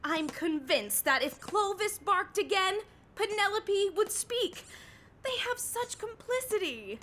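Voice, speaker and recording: A woman's voice: very high voice, sing-song, slow, sharp tone, heavily acted. A woman voicing a fussy, wealthy lady in a cartoon, with an airy, dramatic manner. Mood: fretful. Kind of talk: cartoon dub acting.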